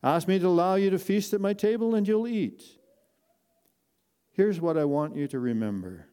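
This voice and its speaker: A man voicing a gentle, welcoming Jesus. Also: sits high, animated, normal speed, clean tone, voice pushed up.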